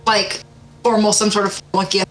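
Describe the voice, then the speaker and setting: A woman's voice: mid-range voice, level tone, a little fast, faint music behind, rough recording. Chatty woman at a tabletop game. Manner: chatty, rambling, many fillers. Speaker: player. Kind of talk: casual chat at a tabletop game.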